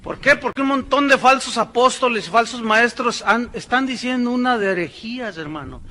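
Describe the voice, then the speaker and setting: Emphatic high-voiced male preacher. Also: normal speed, a little hiss or hum. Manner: emphatic preaching, swings between loud and hushed. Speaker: pastor. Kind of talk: sermon.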